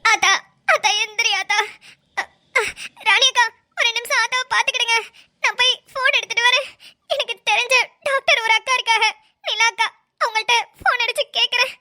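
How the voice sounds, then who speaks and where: A woman's voice: very high-pitched, steady tone, a little fast, pushed and bright, full character voice. A woman voicing a frightened, devoted young granddaughter in a cartoon, pleading and tearful. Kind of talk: cartoon voice acting.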